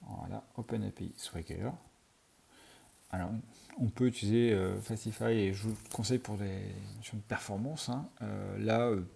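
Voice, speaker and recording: A man's voice: fairly low pitch, steady tone, moderate pace, gravelly, warm tone, husky. A man teaching programming in a screencast, talking through his code as he types, with many fillers. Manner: thinks aloud while typing, many fillers. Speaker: programming tutor. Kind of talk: screencast coding tutorial.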